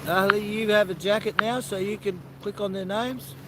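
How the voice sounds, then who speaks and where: A man's voice: high voice, fairly even intonation, normal speed, background noise. An Australian man chatting easygoing to viewers on a live stream, greeting them by name. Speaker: livestream host. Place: outdoors by the sea.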